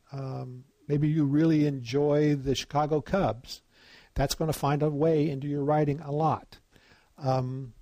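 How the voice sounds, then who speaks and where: A man of middle pitch leads a writing workshop in a loose, conversational way. He fills his pauses with frequent ums and uhs. The recording is dry and close, with no room sound. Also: no echo. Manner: relaxed and chatty, often pausing with um and uh. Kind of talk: casual online teaching.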